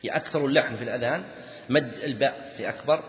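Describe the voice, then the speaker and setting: A man explaining a legal text to students, slow and deliberate, often asking them questions. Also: medium pitch. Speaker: teacher of Islamic law. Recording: lo-fi recording in a reverberant hall.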